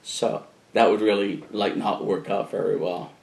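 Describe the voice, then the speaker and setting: A man's voice: lowish voice, little pitch movement, unhurried, gravelly. Rambling man with New England accent. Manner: rambling, chatty, with many fillers and asides. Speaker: musician video blogger. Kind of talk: casual talk to camera. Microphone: camcorder microphone. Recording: roomy echoey room.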